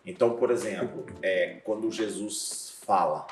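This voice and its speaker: A man, a pastor and seminary professor, chatting on a podcast with a deep voice, telling stories and acting out scenes. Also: a little slow, echoey room. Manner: lively storyteller, acts out scenes, laughs often. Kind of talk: casual podcast chat.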